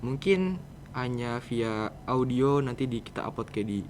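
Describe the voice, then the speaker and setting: A teenage boy, a student guest who leads a podcast project, answers interview questions in a loose, roundabout, chatty way with a Jakarta Indonesian accent. His medium-pitched voice is animated and unhurried, with crowd noise. The recording picks up clear background noise and room ambience.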